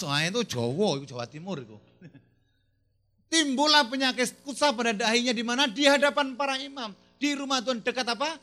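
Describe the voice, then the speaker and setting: A middle-aged man preaching an animated sermon, teasing his congregation and asking them questions. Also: very high voice. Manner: animated, teasing, mixes in Manado dialect phrases and English words. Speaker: pastor. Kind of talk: lively sermon with jokes and audience questions.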